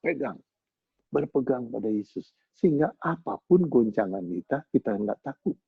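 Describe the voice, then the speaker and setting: A middle-aged man giving a Bible study talk, telling homely stories in a folksy, animated way with sound effects. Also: medium pitch, moderate pace, vocal fry, husky, dry recording. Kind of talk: sermon with storytelling. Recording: tinny phone-like sound.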